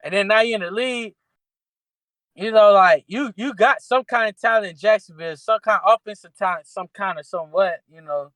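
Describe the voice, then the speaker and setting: A man's voice: sits high, a little fast, fairly bright tone, no echo. A man co-hosting a sports podcast in loose, slangy casual talk, often restarting his sentences. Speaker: podcast co-host.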